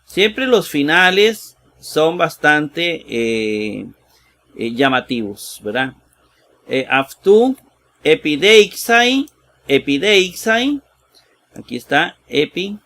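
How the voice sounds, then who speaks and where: Slow, halting man teaching. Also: fairly high pitch, big pitch swings, fairly bright tone. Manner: slow, halting, with many fillers and drawn-out words; reads out Greek words in pieces, then checks with "¿verdad?". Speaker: Bible teacher. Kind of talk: screen-shared exegesis lesson.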